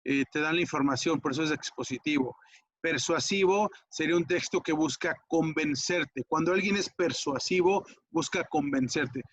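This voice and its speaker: A man's voice: a little high, normal speed, fairly bright tone, slightly rough, dry recording. A man with a Mexican Spanish accent explaining an exam-prep lesson in a casual, chatty way, checking often that the student follows. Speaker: teacher.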